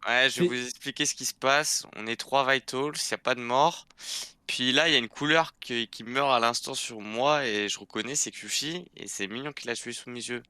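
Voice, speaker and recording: A man's voice: medium pitch, normal speed, sharp tone. A man in a casual online game discussion, interrogating the other players and explaining his deductions.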